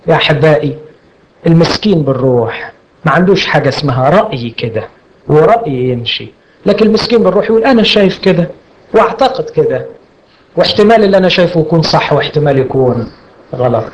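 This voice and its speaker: A man preaching a sermon with an Egyptian Arabic accent, animated, asking and answering his own rhetorical questions. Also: fairly high pitch, quick pace, a little hiss or hum, rough recording.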